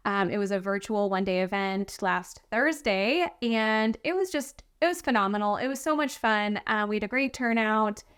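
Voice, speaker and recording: A woman's voice: mid-range voice, moderate pace, few pauses, fairly bright tone, smooth. A woman in her thirties co-hosting a podcast, chatting casually with many fillers and easy laughs. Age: 30s. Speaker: podcast co-host.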